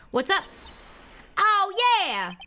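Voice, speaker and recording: Woman voicing a game photojournalist, young woman, brash, nosy, high-pitched, bright. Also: extremely slow, heavily acted. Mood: eager. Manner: pushy, excitable.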